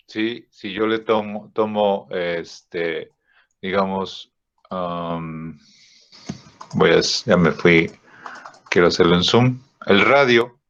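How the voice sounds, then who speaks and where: Guy teaching a software class, low voice, slow and halting, dull muffled audio. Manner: slow, halting, many fillers and rhetorical checks. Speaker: design teacher. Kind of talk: software tutorial lesson.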